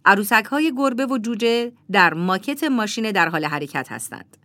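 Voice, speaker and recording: Brief: woman reading scripted audio description, with lively intonation. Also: medium pitch, dry recording. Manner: plain, even reading.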